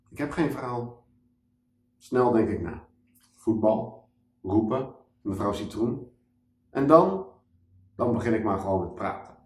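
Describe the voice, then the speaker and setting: A man reads a children's story aloud with a lively, bouncing pitch. He sits back from the mic in an echoey room, so the sound is roomy and a bit distant. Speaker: children's author reading aloud.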